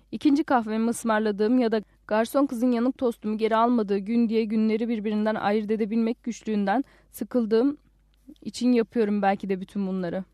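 A woman reading a literary audiobook aloud, in a calm and reflective first-person narration. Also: a little high, no room sound, clean studio sound.

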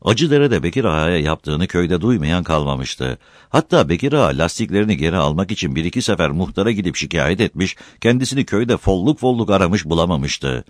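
A man reading a novel aloud in a measured storytelling voice. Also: low voice, big pitch swings, dry recording, studio quality. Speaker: audiobook narrator. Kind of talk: scripted narration.

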